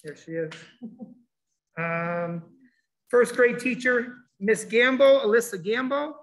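A man's voice: very high-pitched, slow, a bit bright. A man speaking muffled through a face mask, informally presenting to families as a school program supervisor. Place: indoor school room, standing before a presentation screen.

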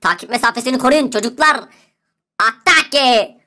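A woman voicing a bragging boy who calls himself a superhero, loud and cocky. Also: fairly high pitch, normal speed. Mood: boastful.

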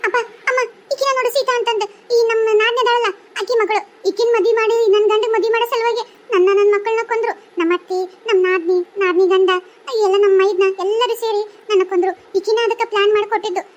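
A woman's voice: steady tone, muffled recording, a little hiss or hum. A woman voicing a grieving young ghost wife in a cartoon, pleading and wailing in a North Karnataka Kannada accent. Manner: very high, fast, pleading and wailing. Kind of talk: cartoon voice acting.

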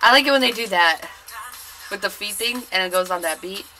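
A congested young adult woman reacts on camera to a music video in a small indoor bedroom with a bunk bed, chatting casually in a slangy, rambling, excited way. Her medium-pitched voice is fairly quick, pushed and bright. The recording is low quality, with faint music in the background.

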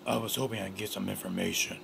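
A man voicing a gruff, boastful masked vigilante in a fan-made cartoon, blunt and brooding. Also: sits low, fairly even intonation, fast, background noise.

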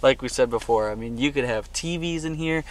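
Speaking a little fast, this young adult camping vlogger addresses the camera in a cheerful, casual way from a truck bed tent at his outdoor campsite. His voice is mid-range, and the camera mic recording carries a slight hiss or hum.

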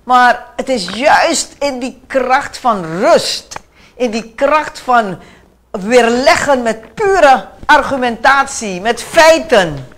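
A woman's voice: on the high side, lively intonation, slow pace, fairly bright tone. Emphatic middle-aged Surinamese Dutch woman. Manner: emphatic, preachy, rhetorical questions, drops in English phrases. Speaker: guest commenting on politics. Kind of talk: talk show interview.

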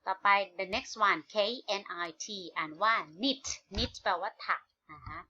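A woman's voice: medium pitch, animated, bright, forceful tone. A woman teaching children an English lesson. She speaks patiently, repeats each word and spells it out letter by letter, with frequent "uh" fillers. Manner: calls students "child", fills pauses with "uh". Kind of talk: online lesson for kids. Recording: dull lo-fi recording.

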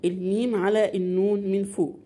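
Egyptian lady teaching recitation rules, mellow warm voice, asks then answers herself. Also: mid-range voice, little pitch movement. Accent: Egyptian Arabic. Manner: asks questions and answers them herself, stretching out example words slowly. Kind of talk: tajweed lesson for beginners.

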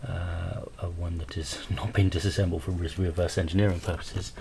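This presenter speaks low and level, at a brisk clip with vocal fry, as he walks through a hardware prototype unscripted, pausing to think out loud. The sound comes from a handheld camera's microphone, noisy and full of clicks.

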